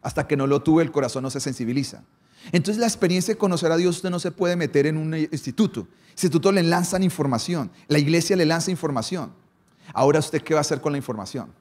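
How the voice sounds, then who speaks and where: A man's voice: fairly high pitch, quick pace, a little mellow. A man, preaching a morning sermon as a pastor, asking rhetorical questions and shifting his pace and emphasis.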